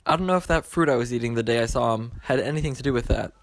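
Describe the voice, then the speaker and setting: A man's voice: medium pitch, racing, no room sound, lightly acted. A man narrating as a character looking back on his life, in plain, matter-of-fact scripted storytelling. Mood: reflective.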